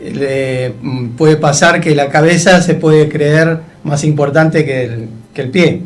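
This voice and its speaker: A man's voice: a little high, takes it slowly, faint music behind. A man interviewing a pastor, affirming what he hears and adding reflective comments. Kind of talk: interview chat.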